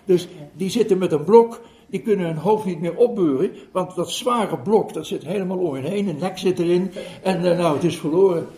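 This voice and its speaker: A man's voice: sits high, normal speed, warm tone. An older man, telling a story to an audience as a meditation teacher, chuckling and hesitating with fillers as he goes. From Netherlands. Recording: roomy hall recording.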